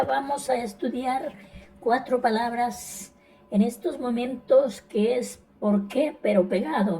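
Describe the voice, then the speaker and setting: A woman's voice: fairly high pitch, dark tone, distant mic, low-quality recording. A woman teaching a grammar lesson with patient explanations, repeating each point and checking in with her students. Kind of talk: slow classroom explanation.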